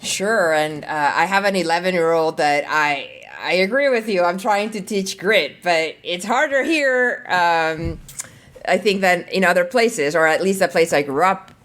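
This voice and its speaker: A middle-aged Salvadoran woman who leads marketing answers podcast interview questions earnestly and thoughtfully, using lots of fillers. Her voice is fairly low and fairly bright, and she speaks a little slowly.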